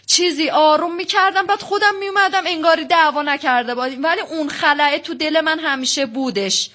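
A young woman telling a counselor about her marriage in long, fast runs, acting out past exchanges. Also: sits high, pushed and bright. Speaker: guest on a counseling show. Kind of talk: emotional personal account.

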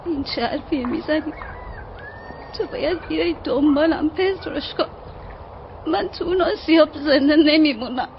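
A woman's voice: high voice, vocal fry, long pauses. An actress dubbing a young maid who pleads tearfully with her master. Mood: distressed. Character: young maid pleading not to be sent away. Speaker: dub actor. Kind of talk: dubbed period drama. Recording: dull audio with steady hiss.

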